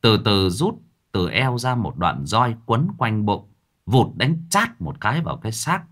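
A man narrating a ghost story in a dramatic, expressive way. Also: fairly low pitch, unhurried.

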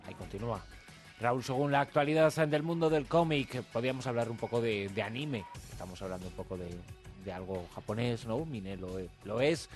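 A man hosting a night radio show, introducing the next section in a measured way with some fillers. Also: medium pitch, expressive, faint music behind. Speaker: radio host. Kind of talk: radio presenting.

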